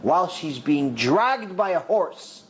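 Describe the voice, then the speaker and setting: Male rabbi, sermon storyteller, lively swooping delivery, slightly high voice, faint hiss behind. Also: takes it slowly, low-quality recording. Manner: dramatic storyteller, voices the characters with big pitch swings.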